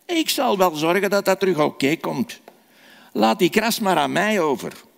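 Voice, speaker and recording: A man voicing a gentle, forgiving father who softly reassures his young son. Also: high voice, sing-song, normal speed, vocal fry, exaggerated voice. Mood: reassuring. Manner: soft reassuring. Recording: echoey hall reverb.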